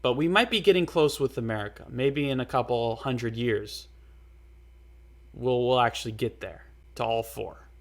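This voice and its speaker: A man's voice: medium pitch, moderate pace. A man giving a casual, rambling lecture, often repeating words and using fillers.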